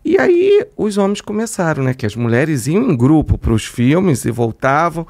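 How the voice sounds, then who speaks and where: A therapist with a Brazilian Portuguese accent chats on a podcast. The voice sits at a middle pitch and explains things in an easy, conversational manner. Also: big pitch swings, normal speed, darkish tone. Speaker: therapist co-host. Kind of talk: casual podcast chat.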